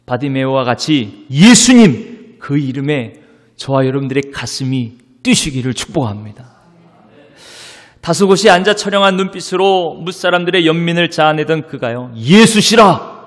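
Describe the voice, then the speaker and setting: A male pastor preaching a sermon, dramatic, moving between loud declarations and hushed whispers. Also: fairly high pitch, animated, moderate pace. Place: church sanctuary. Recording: long church-hall reverb.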